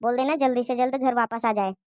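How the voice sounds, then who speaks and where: A scornful, nagging mother-in-law from a cartoon moral story scolds in a pushy, taunting manner, as a woman puts on the voice. Her voice sits lower than the performer's own bright, high tone. The recording is dry and close. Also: steady tone, fast, no room sound, close to an everyday voice. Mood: scolding.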